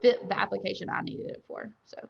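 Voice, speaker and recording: A woman's voice: medium pitch, big pitch swings, fast talker, vocal fry, slightly rough. A young woman who owns a dental lab, answering questions candidly in a webinar interview over a video call. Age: young adult. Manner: candid, chatty, laughs easily. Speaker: dental lab owner and guest. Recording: dull lo-fi call audio.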